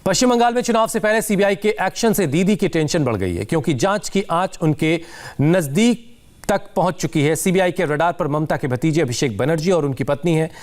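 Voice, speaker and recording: A man's voice: fairly high pitch, lively intonation, fairly quick, darkish tone. A man reading a news bulletin as an anchor, in urgent, punchy headline style. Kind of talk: scripted news bulletin delivery.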